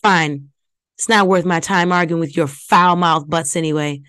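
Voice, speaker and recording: A scheming male villain drawls slowly and smugly, read by a woman narrator. The voice sits low and sneering. The sound is dry and close. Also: steady tone, fairly bright tone, clean tone, no room sound, natural voice, low-quality recording. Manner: slow, smug drawl. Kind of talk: audiobook reading.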